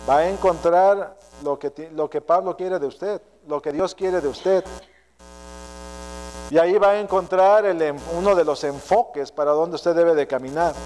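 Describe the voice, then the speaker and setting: A male pastor preaching an earnest, self-searching sermon, his voice often trailing low and soft at the ends of phrases. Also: slight background noise. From Mexico. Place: church sanctuary. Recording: long hall reverb.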